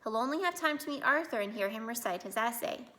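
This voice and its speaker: A woman voicing a calm, patient father while reading a picture book aloud. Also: fairly high pitch, fast talker.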